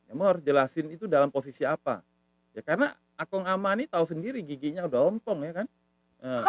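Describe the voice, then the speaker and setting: A man's voice: fairly high pitch, dry recording. A man from Medan, Indonesia, giving a casual online language lesson, patiently repeating words to demonstrate tones. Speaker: language teacher.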